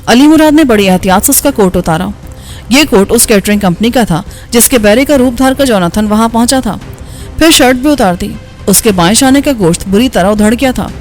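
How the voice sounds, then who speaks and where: A woman narrating an action novel as an audiobook, in a steady storytelling voice. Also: a little high, soft background music.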